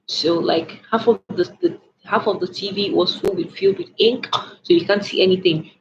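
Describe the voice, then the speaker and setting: A woman's voice: medium pitch, moderate pace. A young woman chatting casually on a livestream, telling a story animatedly with lots of restarts and fillers while reading viewer comments. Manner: animated retelling with many restarts and filler words. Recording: slightly dull lo-fi audio with faint noise.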